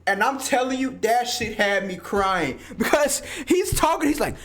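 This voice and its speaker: A man hosting a casual spoiler review of a film, excitable and slangy, swearing freely and often laughing. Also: very high voice, moderate pace, a little hiss or hum. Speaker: movie reviewer and host.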